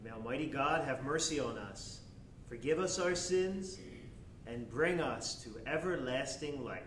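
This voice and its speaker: A priest leading Mass in a slow, prayerful cadence, his voice carrying a heavy cathedral echo. He is picked up from well back in a large church. A faint low rumble sits underneath. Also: animated, fairly bright tone. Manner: measured, prayerful liturgical cadence. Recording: echoey church, distant mic, faint rumble.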